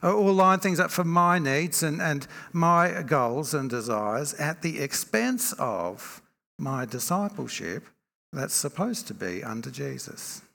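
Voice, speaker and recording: A male preacher with a gravelly, creaky edge to his voice delivers a measured, reflective sermon. He keeps circling back with rhetorical questions. His words ring out with a long reverb, as if spoken in a big church hall. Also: a little high, lively intonation, pushed and bright.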